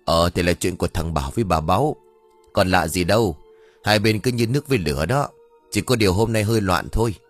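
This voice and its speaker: A man voicing a calm young husband, talking plainly and easily. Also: sits low, a little fast, faint music behind. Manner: plain, easygoing.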